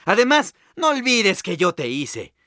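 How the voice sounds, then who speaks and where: A man's voice: high-pitched, wildly swooping pitch, unhurried, pushed and bright, no room sound, clean studio sound, voice pushed up, heavily acted. A man doing a proud boastful iron hammer. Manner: emphatic, declaiming. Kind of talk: storybook narration.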